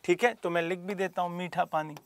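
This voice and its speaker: High-voiced male teacher quizzing his class. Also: fairly even intonation, fairly quick, slight background noise. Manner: asks students rhetorical questions and calls on them by name. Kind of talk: classroom lecture for exam prep.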